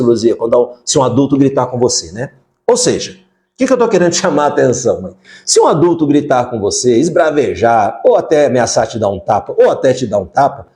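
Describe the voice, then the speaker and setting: A man with a mellow, relaxed tone and a mid-range pitch speaks to his viewers in a live stream. He talks in a loose, conversational way and keeps putting direct questions to them. He fills the gaps with casual verbal fillers. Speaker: parenting educator hosting a live stream. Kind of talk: live-stream talk answering viewer comments.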